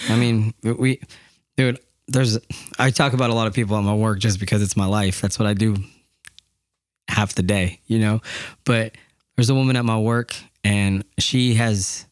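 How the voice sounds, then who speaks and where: A man's voice: on the low side, flat delivery, moderate pace, smooth, no echo, studio quality. A man co-hosting a podcast, talking in a candid, profane, rambling way. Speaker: podcast co-host. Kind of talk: casual chat.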